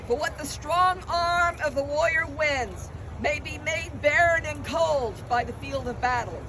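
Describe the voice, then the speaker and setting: Very high-voiced man giving solemn ceremonial tribute. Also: measured pace, pushed and bright. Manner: earnest, solemn. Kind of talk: formal ceremonial speech. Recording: noisy outdoor recording, car rumble.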